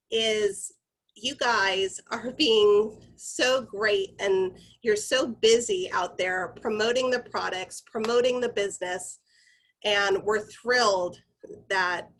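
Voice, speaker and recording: On a low-quality recording, a woman with a medium-pitched, somewhat bright voice gives a casual corporate training talk. She walks her group through guidelines in a conversational, instructive manner, speaking to them directly.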